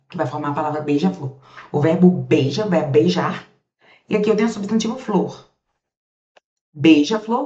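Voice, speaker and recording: A woman's voice: fairly low pitch, a little mellow. A Brazilian woman teaches grammar in a chatty, friendly way. She talks straight to her class, asking their questions for them and then answering them. Her voice comes from a camera set up in an echoey room, with a slightly muffled, dull tone. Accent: Brazilian Portuguese. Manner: chatty, calls students "gente" and "amores", asks questions for them and answers them; spells out sounds slowly while writing. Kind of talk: recorded classroom lesson. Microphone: camera set up in front of her. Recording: roomy, slightly dull sound.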